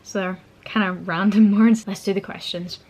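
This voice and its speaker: A woman's voice: mid-range voice, fairly even intonation, moderate pace, a little mellow. A young woman with a Northern Irish Belfast accent, chatting informally and a little giggly as she explains local words. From Northern Ireland. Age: young adult. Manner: giggly, informal, self-deprecating. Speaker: vlogger. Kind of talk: casual chat explaining local slang.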